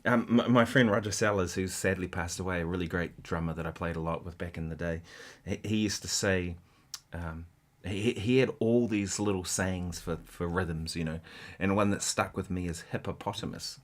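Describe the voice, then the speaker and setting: A man with a low-sitting voice hosts a casual guitar livestream. He rambles haltingly, restarting often and sometimes counting rhythms out loud.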